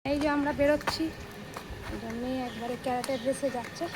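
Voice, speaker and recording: Chatty high-voiced mother vlogging at home. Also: steady tone, quick pace. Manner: chatty, talks to her children and viewers in turn. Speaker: mother vlogging her day. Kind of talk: casual home vlog narration. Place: family home. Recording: loud background noise.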